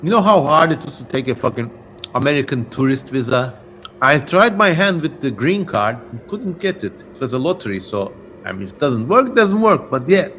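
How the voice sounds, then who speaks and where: Animated and fairly bright-toned, a medium-pitched male voice talks at normal speed over a slight hiss or hum. He's a Turkish-accented host from Turkey, playfully hamming it up on a casual livestream while reading viewers' comments.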